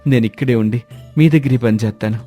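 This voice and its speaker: A man's voice: mid-range voice, fast talker, dark tone, soft background music, close to an everyday voice. A man voicing a poor, hard-working laborer who humbly and earnestly thanks his employer. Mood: grateful.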